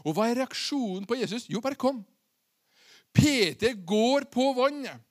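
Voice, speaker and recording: A male preacher giving a sermon, with a voice that sits very high for a man. He keeps stopping to put questions to his listeners before he answers them himself. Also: animated. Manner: asks the listeners questions and acts out the quoted words.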